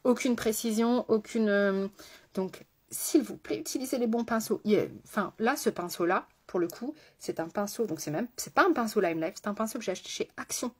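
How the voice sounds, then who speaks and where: A woman's voice: mid-range voice, brisk, a little mellow, husky. A woman makeup artist chatting through a live makeup tutorial, talking straight to her viewers with rambling asides.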